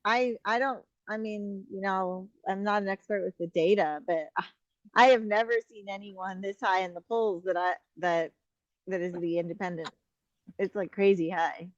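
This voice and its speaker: A woman's voice: mid-range voice, fairly even intonation, moderate pace, no echo. A woman talks frankly with a friend over a call, her voice coming through dull and muffled with no room sound at all. She hesitates, restarts, then lands her points with emphasis. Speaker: friend guest. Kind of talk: casual chat.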